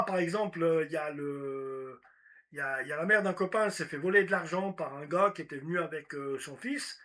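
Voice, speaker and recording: A man talks casually about personal development in a high, very bright voice. He acts out little inner monologues and speaks in an animated way. His speech is full of fillers. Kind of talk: casual motivational talk.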